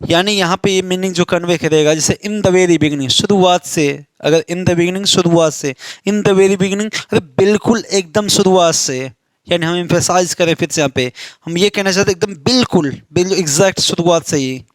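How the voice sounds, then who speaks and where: A man with an Indian accent leads an exam-prep grammar lesson in a smooth, clear voice that sits a little high. He asks his own questions and answers them, and reads each example sentence out slowly. The recording is dry and close. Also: no room sound. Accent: Indian English. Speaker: English grammar teacher.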